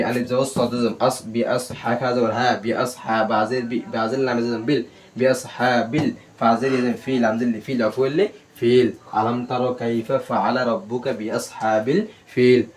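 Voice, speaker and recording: A man teaching a Quran reading class, spelling Arabic letters out slowly and drilling them with repeated questions and answers. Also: fairly low pitch. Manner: slow, syllable-by-syllable recitation.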